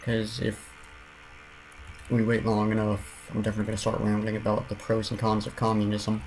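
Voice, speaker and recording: A man streaming a building game, giving casual commentary and rambling aloud with frequent restarts and soft trailing mutters. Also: fairly low pitch, monotone, normal speed, slight background noise, rough recording.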